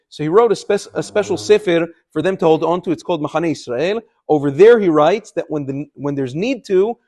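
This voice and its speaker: A man's voice: on the high side, a little mellow. A man giving an explanatory religious lesson as a rabbi, instructing in English sprinkled with Hebrew terms. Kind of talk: religious lecture, explanatory, partly unscripted.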